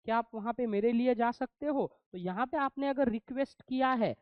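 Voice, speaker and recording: A man teaching an English grammar class, asking the class rhetorical questions and slowing down to model English sentences. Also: extremely high pitch, clean tone, dry recording. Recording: dull, muffled lo-fi sound.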